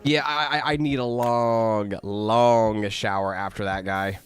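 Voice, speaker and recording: A man's voice: on the low side, fairly even intonation, slow, smooth, faint music behind. A sick, coughing man streaming games and chatting casually, rambling with lots of "like". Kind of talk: casual gameplay chat.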